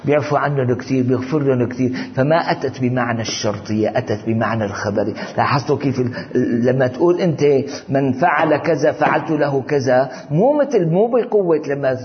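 A man's voice: mid-range voice, fast talker. A man giving an informal religious lesson, talking conversationally and often checking that listeners follow. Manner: conversational, often asks "you see?". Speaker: religious teacher. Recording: dull audio with long hall reverb.

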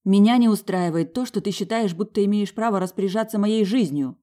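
A reader voicing an indignant young mother, sharp and argumentative in audiobook dialogue. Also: medium pitch, brisk, voice pushed up, lightly acted.

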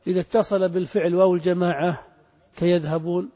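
A man's voice: sits high, flat delivery, fast, dark tone. A man teaching Arabic grammar to a class, asking students questions and repeating their answers. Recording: muffled recording in a reverberant hall.

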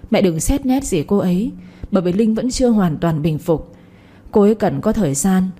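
A woman's voice: medium pitch, close to an everyday voice. A woman voicing a pleading devoted son. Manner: pleading, soft-spoken.

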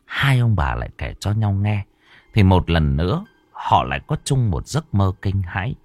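A man narrating a horror story in a slow, dramatic, ominous manner. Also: low-pitched, big pitch swings, darkish tone, dry recording.

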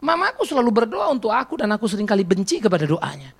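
A man preaching a sermon as a pastor, telling stories and personal confessions, swinging between loud exclamations and quiet reflective passages. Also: sits high, huge pitch swings, fast, vocal fry, slightly rough.

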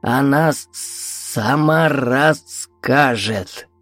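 Man doing a hoarse stuttering ghostly grandfather. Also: mid-range voice, extremely slow, fairly bright tone, no room sound, soft background music, pitched above the performer's own voice. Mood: menacing. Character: creepy grandfather spirit, hoarse, rough, stuttering.

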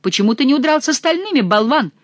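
A woman's voice: high-pitched, animated, fast talker, dry recording, pitched above the performer's own voice. Woman voicing a sly, commanding jester. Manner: commanding, mocking.

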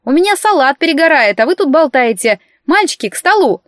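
A woman voicing a bustling, bossy older woman calling out loudly in an audiobook story. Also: a little high, expressive, fairly quick, no echo, studio quality, natural voice. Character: bustling older woman, loud future mother-in-law.

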